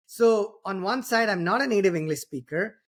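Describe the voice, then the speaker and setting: This man's voice is high and moves at a moderate pace. He's a Tamil-speaking podcast host from Tamil Nadu with an Indian accent, and his casual interview talk wanders along in long sentences packed with restarts, "you know," and "right?"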